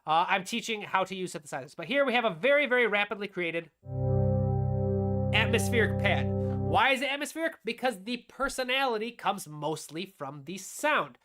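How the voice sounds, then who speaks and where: A woman's voice: mid-range voice, lively intonation, moderate pace, loud music behind the voice. Woman explaining synth sounds step by step. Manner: explanatory, walks through steps as she demonstrates; asks and answers her own questions. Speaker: composer and music teacher. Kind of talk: live-streamed music production tutorial.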